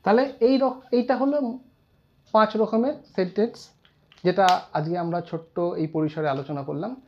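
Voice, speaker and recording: English teacher guy, fairly high voice, dull lo-fi sound, repeats stuff slowly. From India. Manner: explains slowly, repeats terms, quotes example sentences. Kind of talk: classroom grammar lesson.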